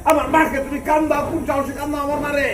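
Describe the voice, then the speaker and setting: A man playing an indignant young son defending his mother, scolding fast. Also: very high voice, little pitch movement, noisy background. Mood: confronting. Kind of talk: comedy skit acting.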